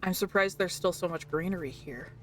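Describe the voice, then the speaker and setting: A woman's voice: on the low side, a little fast, a bit bright. A woman streaming a game at home on a desktop mic, reacting dramatically and reading aloud. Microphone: desktop USB microphone.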